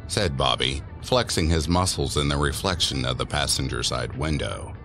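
A man with a rumbling low, fairly bright voice narrates a scripted spooky story about teens at normal speed, acting as the storyteller in an audio drama. His delivery is measured and eerie, with music playing beneath his voice.

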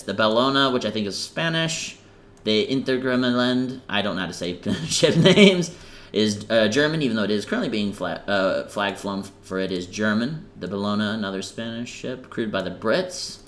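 A man's voice: on the low side, expressive, normal speed, fairly bright tone. A young man giving casual, rambling commentary over a game he is playing, full of fillers and self-corrections. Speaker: gaming channel host.

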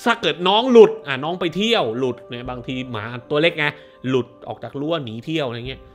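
Man, movie review host, crude, sarcastic, very lively intonation, casual rant. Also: a little high, quick pace, soft background music. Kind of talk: casual ranting film review.

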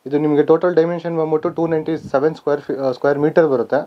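A real estate guide walks viewers through vacant residential plots, his fairly high voice racing along with even intonation. He reads out figures plainly, often filling gaps with "aa" and correcting himself. The outdoor camera mic gives slightly dull audio with faint ambience around him.

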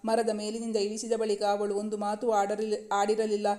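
A woman narrating a romance novel in a measured, literary storytelling manner. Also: mid-range voice, completely flat delivery, dark tone.

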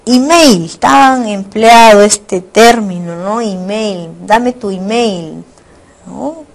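A woman teacher speaks in a recorded lesson at an ordinary middle pitch. She explains step by step, restating each point in new words. She keeps checking in with her students through short tag questions. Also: takes it slowly, creaky. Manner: repeats and rephrases points. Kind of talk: recorded online lecture.

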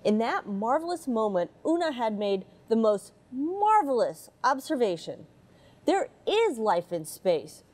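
With a fairly high, sing-song voice and a darkish tone, a middle-aged U.S. astronaut reads unhurriedly from a picture book for children. She's aboard a space station, indoors in a module, adding chatty asides between pages.

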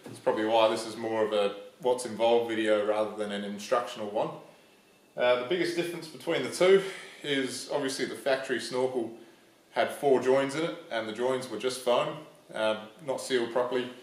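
A young man with an Australian accent talks through a job in a relaxed, plain-spoken way, filling pauses with ums and uhs. His voice sits at an ordinary middle pitch. The sound bounces around a big metal workshop shed, picked up by a camera a few metres off. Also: echoey room. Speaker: vlogger. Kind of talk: casual how-to explainer.

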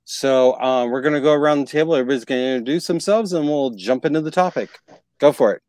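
A man hosting a casual live-streamed panel chat, joking and quick to tease his guests. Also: medium pitch, dry recording. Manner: joking, animated host. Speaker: podcast host.

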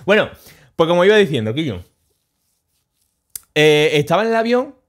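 A man's voice: on the high side, normal speed. Slangy man telling stories. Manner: animated, slangy, chuckling. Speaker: streamer. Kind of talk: casual storytelling.

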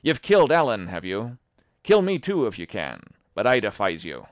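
A man reading aloud voices an honest male sailor, hoarse and shaking, speaking loud in rough sailor dialect. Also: medium pitch, very animated, normal speed, no room sound, studio quality, pitched above the performer's own voice. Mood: defiant.

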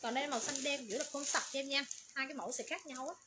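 Woman selling clothes on a live stream, high voice, nonstop repetitive sales patter, noisy background. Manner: rapid repetitive patter, rattling off colors, sizes and prices. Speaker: online clothing seller. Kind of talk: livestream sales pitch.

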